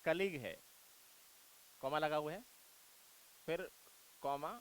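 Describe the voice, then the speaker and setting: A man's voice: on the high side, slow, slight background noise, rough recording. An Indian man teaching an English grammar lesson for exam prep, coaxing his students with repeated rhetorical questions and calling them "beta".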